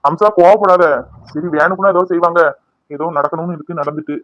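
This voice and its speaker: A man voicing a worried older father-in-law who pleads and reproaches gently in a cartoon serial. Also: fairly high pitch, steady tone, fast, no room sound, dull audio, natural voice. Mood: calming.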